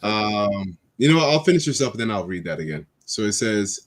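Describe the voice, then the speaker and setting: A man leading an online bible study, reading verses slowly with stumbles and explaining them in casual speech. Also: on the low side, very animated. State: has hiccups. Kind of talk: scripture reading and preaching to an online group.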